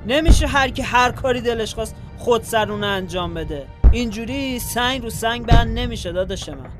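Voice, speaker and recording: A man's voice: very high voice, expressive. An actor playing a young male frontline soldier who is grieving and hot-tempered, with a blunt and scolding manner, in a radio drama. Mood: angry. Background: music.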